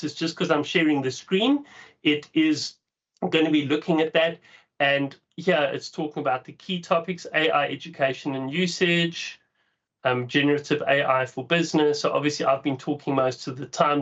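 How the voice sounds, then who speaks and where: South african guy demoing software on a webinar, a bit high voice, muffled call audio. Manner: casual, explanatory, with frequent ums. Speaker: presenter. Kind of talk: webinar presentation with screen share. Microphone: video call mic. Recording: dull lo-fi video call audio.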